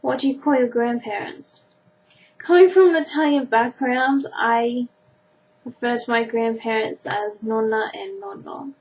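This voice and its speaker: A woman's voice: a little high, unhurried, darkish tone. A teenage Australian girl chatting casually to camera in an informal, self-deprecating way. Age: teenager, sixteen. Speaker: vlogger answering a questionnaire. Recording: dull lo-fi sound, faint background noise.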